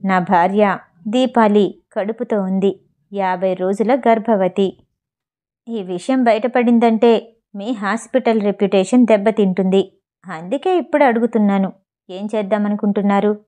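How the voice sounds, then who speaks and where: A woman reading the lines of a calm, confident husband pressing a hospital chief for answers. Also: medium pitch, moderate pace, close to an everyday voice. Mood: coolly demanding.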